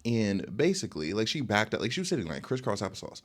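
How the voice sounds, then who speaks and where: A man's voice: lowish voice, sing-song, quick pace. A young man telling a casual storytime monologue, chatty and loose, tagging nearly every sentence with "okay?" and filling gaps with "like". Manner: chatty, repeats "okay?" and "like" constantly. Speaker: storyteller vlogger.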